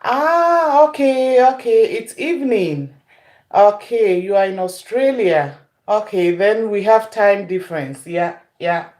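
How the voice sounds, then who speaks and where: Ghanaian woman, livestream cooking host, slow and friendly, greets each viewer, roomy echo. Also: mid-range voice, a little mellow. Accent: Ghanaian English. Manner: greets viewers one by one, calling them "my dear". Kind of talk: casual livestream chat with viewers.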